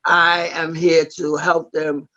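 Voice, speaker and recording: An elderly woman in her eighties speaks earnestly through a dull, lo-fi video call line. She gives an award acceptance speech in a halting way, often pausing on fillers and restarting her words. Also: low-pitched, little pitch movement, sharp tone. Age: 80s. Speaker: award honoree.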